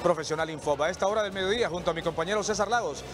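A man's voice: sits high, very fast, over music. A man reporting for TV news, emphatic and upbeat, holding a handheld mic in a large hall. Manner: enthusiastic, emphatic. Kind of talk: upbeat field interview. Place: large indoor hall with murals.

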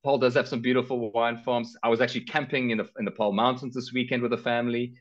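Speaking fast in a flat, mid-range voice, this middle-aged man with a South African accent is a travel guest being interviewed, and he runs a car rental company as its director. The talk is casual. It's captured on a video call headset with slightly dull sound.

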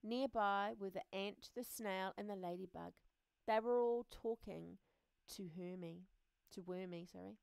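A woman reading a children's picture book aloud, expressive, often dropping to a soft hush. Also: mid-range voice, unhurried, vocal fry, clear, resonant tone, no room sound. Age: adult. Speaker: reader.

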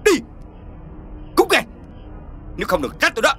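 A hostile grieving widower in a TV drama, scolding in a bright, tense voice. His pitch leaps around as he rages. He sits a little higher than most men. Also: very animated, moderate pace, faint music behind. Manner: hostile, scolding, shouting orders. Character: angry grieving widower, middle-aged in-law. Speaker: actor. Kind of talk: TV drama acting.

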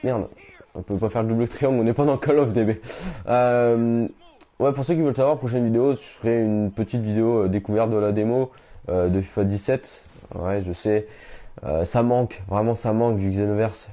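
A young man chatting casually on a game live stream, reading out viewers' messages and answering them in slangy, relaxed talk. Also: fairly low pitch, moderate pace. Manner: slangy, reads chat aloud and answers viewers. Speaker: gaming streamer. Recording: dull lo-fi stream audio.

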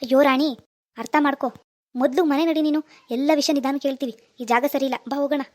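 A woman's voice: high voice, steady tone, fast, pitched below the performer's own voice, lightly acted. A woman voicing a young husband in a cartoon, earnest, pleading and insistent. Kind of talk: animated cartoon dialogue.

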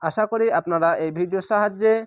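A man teaching Quran reading, spelling out each syllable and then chanting every word slowly and drawn out, with patient, repetitive instruction. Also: high voice, dry recording, studio quality.

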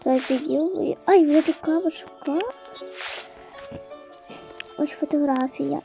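A woman excitedly narrates her game play as a spooky story, exclaiming often in a high, mellow voice. The sound is dull and lo-fi. Faint music plays underneath. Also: slow pace, creaky.

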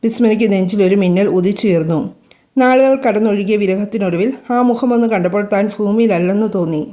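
A woman narrating a romantic story in slow, lyrical storytelling. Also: mid-range voice, warm tone.

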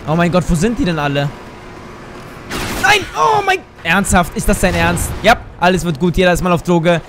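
A man giving live commentary on a shooter game, excitable, exclaiming and cursing as he plays. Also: high voice, fairly quick, noisy background. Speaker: gaming YouTuber. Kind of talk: live let's play commentary.

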